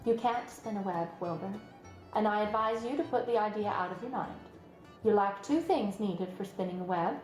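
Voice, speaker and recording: A woman's voice: mid-range voice, moderate pace, darkish tone, natural voice. A woman voicing a clever, patient female spider with a precise, instructive manner in a storybook read-aloud. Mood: kindly, frank. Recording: roomy sound, music behind.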